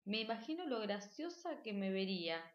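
A gentle, motherly she-bear with a soft and caring way of talking, as a woman puts her on. The storybook reading sounds a little dull and roomy. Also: medium pitch, big pitch swings, moderate pace, close to an everyday voice. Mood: tender.

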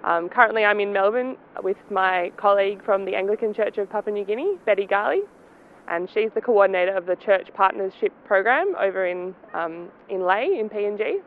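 A young woman, a program coordinator, introducing a colleague and explaining a program clearly to camera outdoors. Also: medium pitch, brisk, narrow, tinny audio, a little hiss or hum. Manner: clear, explanatory, with some fillers. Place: outdoors in a city.

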